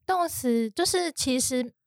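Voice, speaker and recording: A woman's voice: high voice, animated, takes it slowly, vocal fry, no echo, clean studio sound. A woman, an English teacher co-hosting a lesson, who explains words methodically and step by step. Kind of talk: explaining vocabulary.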